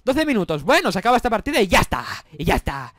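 A man's voice: high-pitched, big pitch swings, very fast, a bit bright, a little hiss or hum. A young man with an accent from Spain, commentating his gameplay in a rowdy, swearing, mock-apologetic way. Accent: Spanish from Spain. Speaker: gaming YouTuber.

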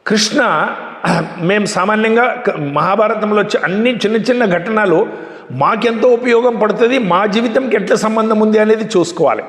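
A man telling religious stories in an emphatic, animated sermon. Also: high voice. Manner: emphatic, animated retelling with frequent restarts. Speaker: religious speaker. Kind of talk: storytelling sermon. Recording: echoey hall.

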